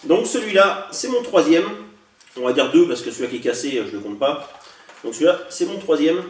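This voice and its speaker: A man with a fairly high voice chats casually and a little hesitantly, stopping often to correct himself. He sounds a bit far from the mic in an echoey room. Faint background noise and clicks from handled toys sit behind him. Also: animated, fairly quick. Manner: chatty, hesitant, many fillers and self-corrections. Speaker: toy collector showing a haul. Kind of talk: casual unboxing vlog.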